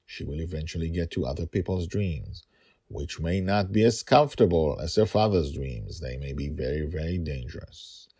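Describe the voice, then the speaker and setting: A middle-aged man hosts and narrates his own story podcast, deliberate in delivery, using dramatic pauses and emphatic repetition. His voice rumbles low with a dark tone, and he sounds animated.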